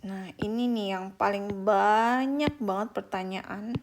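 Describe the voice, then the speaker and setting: A young woman teaches a beginner language lesson to an online audience. Her mid-pitched voice carries a noticeable vocal fry. She speaks patiently, drawing out example words and turning to her viewers as friends. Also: slow pace, slight background noise.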